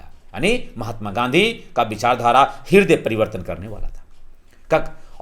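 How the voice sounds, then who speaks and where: Man, Bihari accent, history teacher, animated pitch, quizzes and answers himself. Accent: Bihari Hindi. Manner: lively, asks and answers his own questions. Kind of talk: exam-prep history lesson.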